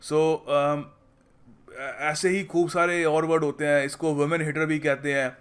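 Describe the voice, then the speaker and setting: A man teaching English vocabulary in Hindi, reading example sentences slowly and explaining them in a casual classroom manner. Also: fairly high pitch, level tone, fairly bright tone, smooth. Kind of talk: explaining lesson.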